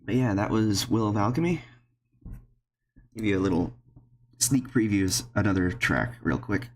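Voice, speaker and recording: A man's voice: on the low side, expressive, normal speed. A man streaming a game, chatting casually and thinking aloud, often laughing at himself. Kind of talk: casual gameplay commentary. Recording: game music playing behind.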